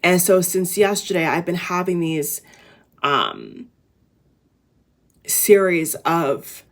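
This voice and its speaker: A vlogger with a low, raspy voice gives a loose, rambling inspirational talk to camera. She sounds tired but animated and speaks slowly, circling back with restarts and fillers as she works through her thoughts.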